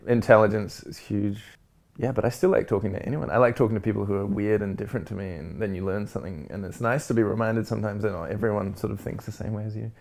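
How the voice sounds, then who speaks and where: A man's voice: on the low side, fairly even intonation, fast, vocal fry, a little mellow. Easygoing New man in his thirties. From New Zealand. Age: 30s. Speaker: blind date participant. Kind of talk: casual interview and chat. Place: hotel room and restaurant, indoors.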